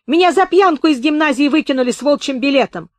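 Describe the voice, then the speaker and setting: Woman doing a hoarse sinister male detective, spiteful, raised pitch, dry close sound. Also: brisk, dry recording, close to an everyday voice. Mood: hysterical. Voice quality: hoarse, hissing. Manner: spiteful, shrill outbursts.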